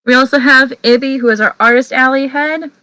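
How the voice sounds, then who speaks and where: A woman's voice: high voice, fairly even intonation, fairly quick, sharp tone, no room sound, rough recording. A woman hosting an online convention opening over a video call, chatty and teasing as she introduces the staff. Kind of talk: casual online call chat.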